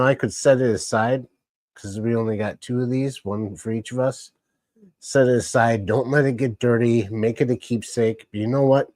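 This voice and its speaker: A man's voice: mid-range voice, darkish tone, no room sound. A man casually hosting a live stream, rambling along and greeting chat viewers by name. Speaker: livestream host.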